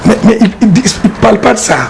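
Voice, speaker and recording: A man, an art dealer and collector, explaining his pieces in a casual interview, halting and repeating words as he goes. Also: high voice, creaky, a little mellow. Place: exhibition hall with his collection. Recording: noisy background hiss.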